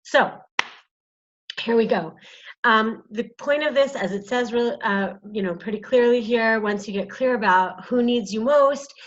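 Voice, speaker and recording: A woman's voice: on the high side, unhurried, muffled recording, a little hiss or hum. A woman coaching doulas through a worksheet in a casual, earnest video talk, full of fillers and pleading asides. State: shivering from cold. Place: indoors, cold room.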